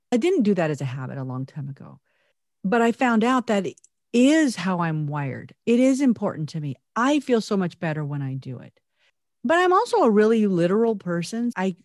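A woman's voice: medium pitch, a little mellow, no echo, clean studio sound. A woman co-hosting a casual faith-based chat, earnest and intense, laughing often as she talks. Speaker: podcast co-host.

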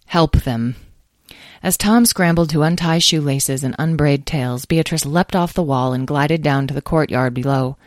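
A woman narrating a children's story in a calm, measured way. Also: low voice, no room sound, clean studio sound.

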